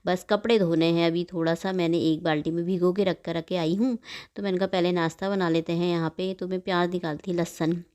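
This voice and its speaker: Middle-aged lady rambling fast over her cooking vlog, chatty and loose. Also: fairly low pitch, steady tone, darkish tone, clean tone. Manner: rambling and fast, talks quickly by her own account. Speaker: vlogger.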